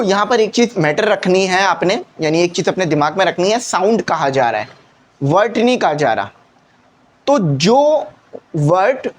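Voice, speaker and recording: A man teaching a classroom grammar lesson who talks patiently, repeats his key points and keeps asking rhetorical questions. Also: sits high.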